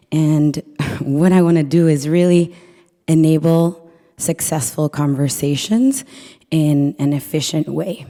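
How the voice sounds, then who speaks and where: A woman from Peru gives a live workshop talk in a low, warm, relaxed voice. She tells stories in a chatty way and keeps asking the crowd questions. The sound carries a long reverb from the hall. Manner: chatty storytelling, polls the audience with questions. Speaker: workshop presenter. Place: event room with a live audience.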